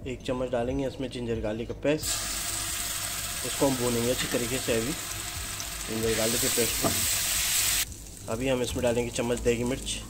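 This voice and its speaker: A man's voice: medium pitch, little pitch movement, moderate pace, pauses often, heavy background noise. A man, a chef, explaining a recipe step by step in a kitchen cooking demonstration.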